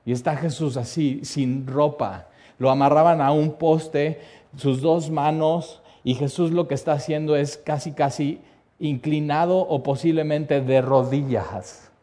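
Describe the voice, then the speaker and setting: A man preaching a sermon, telling the story dramatically, dropping to a hush and then rising loud, with repeated lists. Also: on the high side, fairly even intonation, unhurried.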